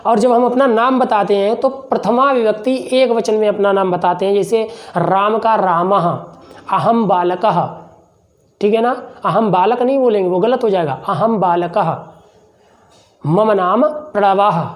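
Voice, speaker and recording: A man gives a classroom lesson at a slow, deliberate pace. He breaks phrases into single words and repeats them, posing questions to the class and answering them himself. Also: high voice. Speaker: teacher.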